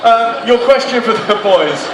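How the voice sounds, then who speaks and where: A male stage presenter compering a live show, brisk and playful with the audience. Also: very high voice, expressive, noisy background. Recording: echoey hall, crowd, distant mic.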